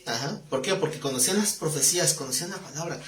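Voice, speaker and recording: Man, pastor, Bible class, lively storyteller, slightly high voice, echoey room. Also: quick pace, soft background music. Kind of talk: live-streamed Bible class, conversational teaching. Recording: echoey room, faint background noise.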